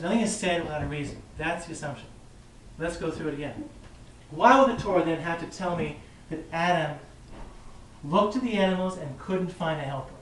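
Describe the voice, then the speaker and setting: A man, a rabbi, giving an informal classroom lecture, lively and conversational, joking with and quizzing his listeners. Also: sits high. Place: classroom or study hall. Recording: echoey room, mic far off, faint background hiss.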